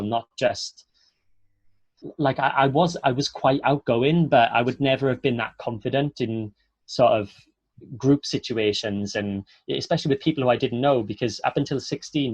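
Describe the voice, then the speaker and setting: An actor from south Wales, speaking with a Welsh accent, offers students informal advice in a chatty, earnest, encouraging manner. His mid-range voice is husky, and the lo-fi audio sounds close and dry with no echo, as on an online webinar call.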